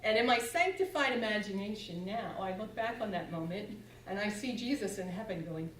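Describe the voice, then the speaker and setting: Brisk and expressive, this sixty-something church speaker uses a medium-pitched, fairly bright voice to tell a funny testimony, quoting her past self in character. Her words come from far off in an echoey sanctuary, with a bit of background noise.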